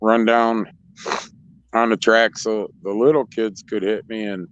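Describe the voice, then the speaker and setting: A man's voice: on the low side, level tone, unhurried, clean tone, no echo. Laughing man with a dull lo-fi sound. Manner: laughs often, rambling with restarts. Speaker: racetrack co-host. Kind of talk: casual chat.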